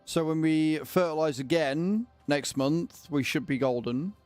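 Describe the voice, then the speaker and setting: A man's voice: on the high side, unhurried, a little mellow, dry recording, faint music behind. A man livestreaming a video game, chatting casually and informally with his viewers. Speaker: livestreamer, gamer.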